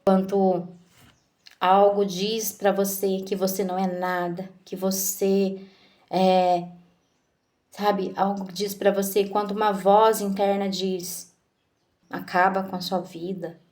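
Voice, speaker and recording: A woman giving a devotional talk, slow and measured, asking her listeners questions. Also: mid-range voice, little pitch movement, a little mellow.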